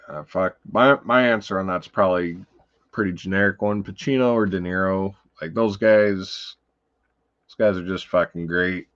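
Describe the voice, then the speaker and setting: A man's voice: low-pitched, normal speed, a bit bright, dull audio. A man hosting a casual livestream about films, talking in a rambling, profane way, full of fillers. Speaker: livestream host.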